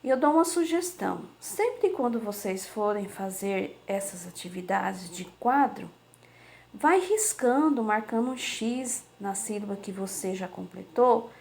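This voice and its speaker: A woman teacher giving a slow, patient remote lesson to young children, sounding out words syllable by syllable. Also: on the high side, a little mellow. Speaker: primary school teacher.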